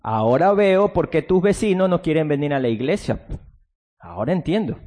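A man preaching a sermon as pastor, switching between a low, hushed delivery and sudden loud outbursts with drawn-out emphasis, sometimes mocking soft-spoken replies. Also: animated, big-room sound. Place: church.

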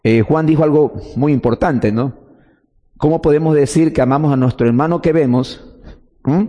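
Man, preacher, teaching sermon, mellow tone, step-by-step explaining, reverberant hall. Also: fairly high pitch, normal speed. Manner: explains step by step, asks and answers his own questions.

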